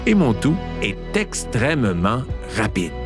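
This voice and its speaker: A man with a Québécois accent hosting a show, playfully telling riddles and trivia and repeating each clue slowly. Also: medium pitch, big pitch swings. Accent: Québécois French. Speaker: podcast host. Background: background music.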